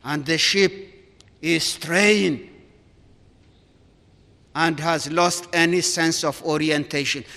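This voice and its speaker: A man preaching a sermon, earnest and deliberate, repeating key words for emphasis. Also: very high-pitched, pushed and bright. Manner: earnest, repetitive emphasis, stressing single words. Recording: long reverb of a large hall.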